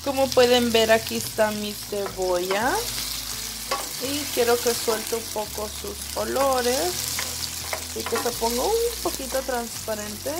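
Heavy background noise surrounds a young woman's fairly high, lively voice as she speaks a little slowly. She is cooking in her home kitchen for a casual vlog shot on a handheld phone, moving between English and Spanish.

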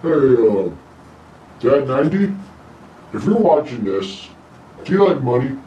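A man's voice: mid-range voice, big pitch swings, a little slow, warm tone, distant mic, dull audio, a little hiss or hum. A young man hosting a game show, speaking to the camera from a little way off in a room. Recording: echoey room, off the mic.

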